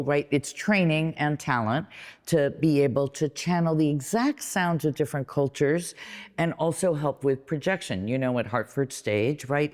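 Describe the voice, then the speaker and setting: A woman hosting an interview about a stage production, enthusiastic and quick with asides. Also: sits low, darkish tone, big-room sound. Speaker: host, theater leader. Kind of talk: casual interview.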